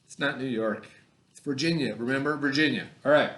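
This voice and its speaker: A middle-aged elementary school teacher talks with children during a remote video lesson from an indoor room, reading aloud and explaining casually while repeating himself and asking questions to check understanding. His medium-pitched voice is fairly quick and a bit bright, and the room sounds echoey.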